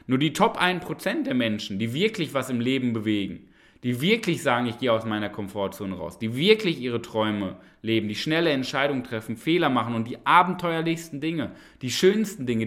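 A man's voice: mid-range voice, fairly bright tone. A man hosting a podcast, delivering a preachy, emphatic motivational monologue and repeating phrases with rhetorical tag questions. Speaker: podcast host.

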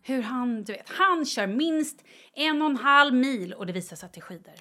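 A woman's voice: sits high, lively intonation, bright, forceful tone. A middle-aged woman co-hosting a podcast in casual chat, telling stories dramatically, swearing freely and dropping into whispered asides. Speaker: podcast co-host.

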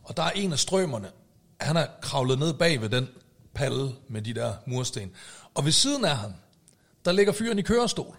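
A man telling a story in casual podcast chat, acting out shouted quotes. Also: fairly high pitch. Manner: animated, acts out shouted quotes.

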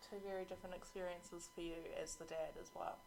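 A woman's voice: fairly low pitch, wildly swooping pitch, fast talker, darkish tone, a little hiss or hum, rough recording. A woman with an Australian accent hosting a podcast in an informal, conversational chat style. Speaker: podcast host. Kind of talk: casual chat.

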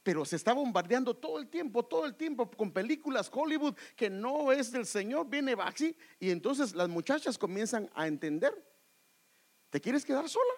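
A man's voice: very high voice, animated, moderate pace, few pauses. A man preaching a sermon, acting out voices and calling listeners brother. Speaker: pastor.

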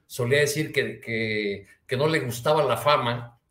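A man with a Mexican Spanish accent, a columnist guest chatting casually and haltingly, with many restarts and fillers. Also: medium pitch, a bit bright, reverberant. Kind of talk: casual chat.

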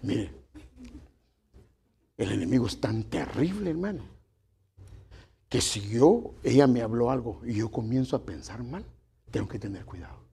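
Man, pastor, middle-aged, gravelly, lively pitch, folksy sermon. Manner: folksy, addresses congregation as brothers, mixes jokes with preaching.

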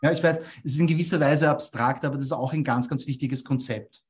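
He talks fast, with a medium pitch and steady tone: a young man from Vienna, Austria, guesting in an interview about copywriting ideas and ending statements with a questioning "ja?".

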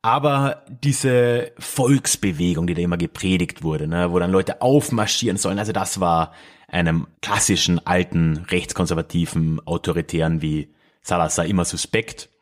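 A man with a fairly low voice talks through history in a relaxed, conversational way. He thinks aloud, restarts his phrases and drops in little asides. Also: normal speed. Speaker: podcast host explaining history. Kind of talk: casual spoken history talk.

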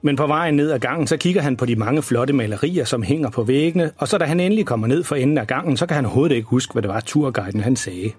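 A man narrating a children's bedtime story in a measured storytelling manner. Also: medium pitch, lively intonation, a little mellow, slightly rough, faint music behind.

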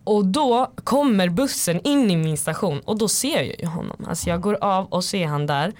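A woman's voice: medium pitch, lively intonation, a little mellow, no room sound. Young woman telling a personal story. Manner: rambling, many fillers and "so like" quoting. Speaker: guest.

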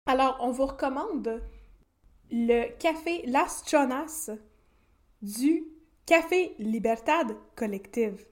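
A woman's voice: sits high, slow pace. A woman with a Québécois French accent co-hosting a podcast in playful, chatty conversation, laughing often. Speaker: podcast co-host. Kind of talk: casual chat.

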